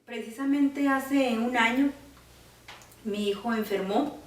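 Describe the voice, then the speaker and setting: A woman's voice: a little high, slow, a little hiss or hum. Mother telling her story, reflective, filler-heavy, roomy sound from a distance. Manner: reflective, with many fillers like "pues" and "¿no?". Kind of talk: personal account in an interview.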